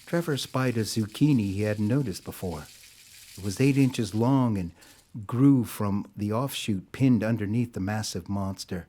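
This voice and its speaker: Reading scripted prose for an audio drama, a male narrator tells the story in a measured, literary manner. His voice is on the low side with a somewhat dark tone.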